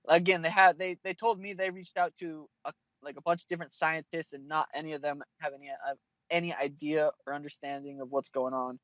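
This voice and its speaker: A man's voice: fairly high pitch, steady tone, brisk, fairly bright tone, dry recording, dull audio. A man in his twenties, a fighter being interviewed, answering bluntly and with plenty of swearing. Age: 20s. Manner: blunt and profane.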